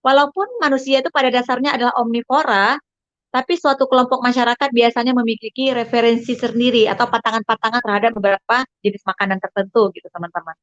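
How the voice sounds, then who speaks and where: A woman's voice: a little high, fairly even intonation, fast, a bit bright, no room sound, highs cut off. A woman diet coach, giving a chatty online class lecture and often addressing listeners as friends.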